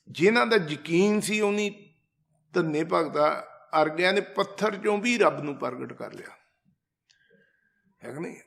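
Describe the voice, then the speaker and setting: Gravelly man telling a devotional story. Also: a little high. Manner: conversational, retells phone dialogue with asides to listeners. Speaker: storyteller sharing a devotional account. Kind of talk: casual spoken testimony.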